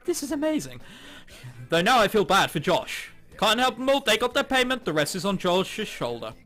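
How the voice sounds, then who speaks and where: This man's high-pitched, fairly bright voice swings widely in pitch at a moderate pace as he plays through a visual novel for a let's play. He hams up the dialogue with over-the-top character voices and cracks jokes laced with swearing.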